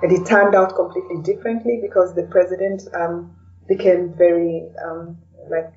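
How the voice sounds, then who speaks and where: A fairly low, steady voice at a moderate pace belongs to a middle-aged woman with a Kenyan accent, a blogger and podcaster guesting on a show. She answers reflectively and with hesitation, repeatedly adding "you know." The distant mic yields dull, lo-fi audio.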